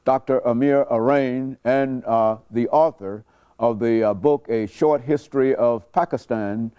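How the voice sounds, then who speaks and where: A man hosting a television interview, speaking slowly with many hesitant fillers. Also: medium pitch, clean tone, highs cut off. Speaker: host.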